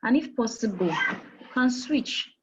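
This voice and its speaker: An animated woman with a slightly high voice and a Nigerian English accent speaks a little slowly; the audio has its highs cut off and a noisy background. As an HR manager guest in an interview, she gives career advice emphatically, repeating key points and posing rhetorical questions.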